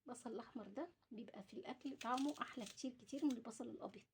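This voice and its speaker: A rapid-fire woman's voice, a little high and a little mellow, carries an Egyptian Arabic accent. The home cooking vlogger prepares food at home and chats casually, explaining things straight to her viewers. The recording is clearly noisy, with clicks.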